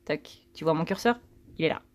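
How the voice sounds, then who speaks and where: A woman's voice: sits low, fairly quick. A woman giving a casual, rambling tarot reading, full of fillers and self-corrections. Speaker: tarot card reader.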